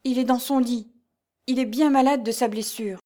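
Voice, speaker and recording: A woman's voice: fairly high pitch, steady tone, moderate pace, warm tone, voice pushed up, close to an everyday voice. A woman voicing a pale, trembling young peasant girl in a storybook reading, pleading through tears. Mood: tearful pleading. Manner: tearful, stammering, imploring.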